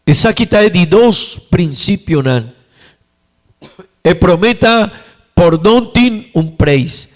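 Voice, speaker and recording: A man's voice: high voice, lively intonation, slow, long pauses. A man with an Aruban accent, a pastor preaching a sermon in a church, repeating his points with emphasis and rising in volume on key lines. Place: church sanctuary.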